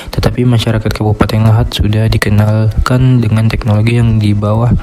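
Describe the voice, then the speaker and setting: A young man, a student, reading his class presentation in a steady, scripted way. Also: on the low side, slight background noise. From Indonesia. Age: young adult. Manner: steady, reads from a script in a flat tone.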